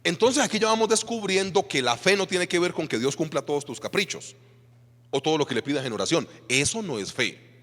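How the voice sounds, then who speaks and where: Male pastor, Colombian Spanish accent, higher voice, sermon in a long-reverb church hall. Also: brisk. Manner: animated preaching with rhetorical questions to the congregation.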